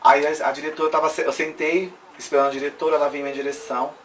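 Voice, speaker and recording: A woman's voice: low voice, flat delivery, very fast, slight background noise. A woman tells her life story in an interview, earnest and emotional, often checking in with tag questions. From Brazil. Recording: distant mic with faint room ambience.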